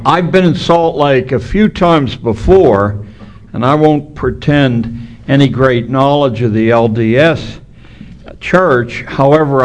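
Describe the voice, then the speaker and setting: Man, public lecture, slight lisp, repeats words when starting, mid pitch. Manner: hesitant starts, slight lisp from missing teeth. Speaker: keynote speaker.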